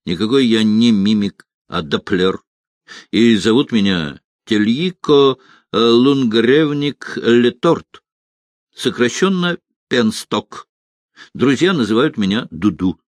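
A man's voice: medium pitch, expressive, takes it slowly, dry recording. A man voicing a cunning, whining male shapeshifting creature with a guttural voice.

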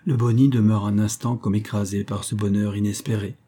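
Man reading an audiobook, husky and mellow, steady storytelling. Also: lowish voice, brisk. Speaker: audiobook reader. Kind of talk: storybook narration.

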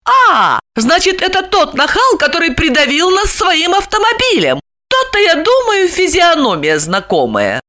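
Brief: a woman as a vain, sharp-tongued young wife, very high and lively, full of airs. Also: a little slow, full character voice. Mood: haughty, irritable. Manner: haughty, irritable, lively.

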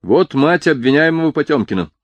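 A man's voice: fairly high pitch, animated, fairly quick, dry recording, lo-fi sound, voice pushed up. A man voicing a composed male police investigator who speaks firmly and formally. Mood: official. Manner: firm, formal.

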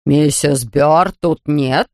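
A gruff slow judge, voiced by a reader. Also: mid-range voice, a little mellow, no echo, clean studio sound, pitched below the performer's own voice. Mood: stern. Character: stern pompous older male judge.

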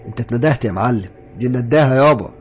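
A man voicing a joking, superstitious young male coworker with an Egyptian accent, loud and excitable. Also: medium pitch, rapid-fire, faint music behind, pitched above the performer's own voice, natural voice. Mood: teasing. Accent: Egyptian Arabic.

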